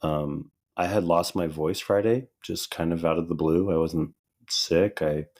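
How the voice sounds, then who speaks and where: A man in his thirties co-hosting a casual podcast, his voice a little raspy and dry from a recent loss of voice, telling stories with easy laughs. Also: low-pitched, measured pace. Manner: relaxed storytelling, laughing often. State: hoarse, recovering voice. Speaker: podcast co-host. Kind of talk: casual chat.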